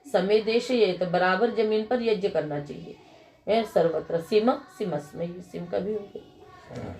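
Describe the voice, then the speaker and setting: A middle-aged woman giving a grammar lecture, asking her class questions and answering them herself, and reciting rules in a slow, measured chant. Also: mid-range voice, a little mellow. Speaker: Sanskrit grammar teacher.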